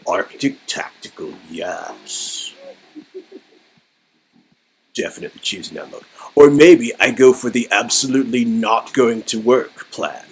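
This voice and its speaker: A man with a medium-pitched voice reads a story game aloud as host at a measured pace, on a low-quality recording with a bit of hiss or hum. He dramatizes it playfully, riffing and breaking off into joking commentary, exclamations and mock voices.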